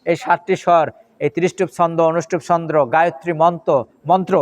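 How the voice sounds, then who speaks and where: High-voiced man giving a devotional lecture. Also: flat delivery. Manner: chants mantras slowly, then explains pronunciation with questions to listeners. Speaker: religious lecturer.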